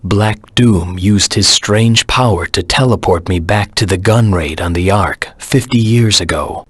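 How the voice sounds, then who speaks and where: A dark, vengeful hedgehog anti-hero from a video game. His voice is low and very husky, with a gritty rasp and a dry, close sound. He speaks in grim, terse, dramatic phrases, brooding throughout. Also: no room sound, exaggerated voice.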